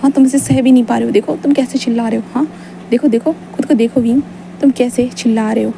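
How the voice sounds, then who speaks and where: A woman's voice: a little high, steady tone, fast, creaky, warm tone, slight background noise. Woman doing a cool, cocky young man. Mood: smug. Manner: cool, curt, smugly teasing. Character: young man, calm, cocky, teasing, domineering.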